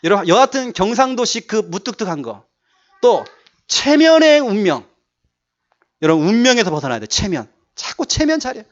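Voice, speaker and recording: A man's voice: high voice, big pitch swings, moderate pace. A male pastor preaching a sermon, emphatic and repeating his key words to urge the congregation on. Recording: dull lo-fi church recording.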